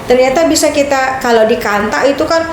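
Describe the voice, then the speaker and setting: A woman in her fifties from Medan, the head of a land office, telling her story as a guest in a casual podcast interview in a lively, proud way. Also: brisk. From Medan, Indonesia. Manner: animated, with big pitch swings and a proud tone. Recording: echoey room with background noise.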